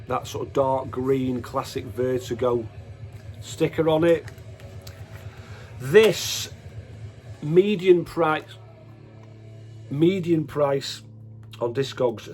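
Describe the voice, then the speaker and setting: The host of a music collection video gives casual, unscripted show-and-tell commentary in a mid-range, slightly mellow voice. He sounds hesitant and matter-of-fact, often correcting himself.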